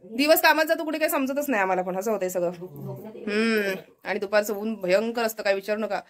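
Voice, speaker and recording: A woman vlogger talks at a brisk clip, chatting to her viewers in a friendly way. She walks around her village home with a handheld phone, pointing things out as she goes. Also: mid-range voice. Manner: chatty, walks about showing the house. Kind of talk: casual vlog chat.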